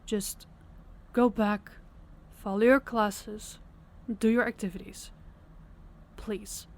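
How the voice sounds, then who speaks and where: A woman's voice: medium pitch, fairly even intonation, slow pace, a little hiss or hum. A woman playing a stern, guarded character in an audio roleplay, speaking firmly and pleadingly straight to the listener. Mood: apologetic, pleading. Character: stern, guarded woman urging secrecy, apologetic underneath.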